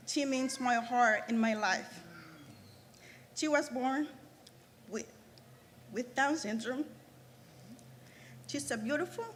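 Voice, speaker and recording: Her voice is fairly high and fairly bright as this earnest Salvadoran woman in her 30s gives a prepared speech as the graduating student speaker. She hesitates and restarts at times, and the recording comes from a reverberant hall with faint noise.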